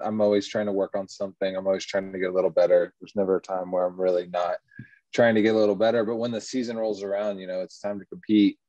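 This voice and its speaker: A man, a baseball pitcher answering interview questions in an easygoing, rambling way. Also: dark tone, no echo. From Texas, USA. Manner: easygoing, rambling, many ums and you-knows. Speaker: professional baseball pitcher, guest. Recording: dull, muffled lo-fi sound.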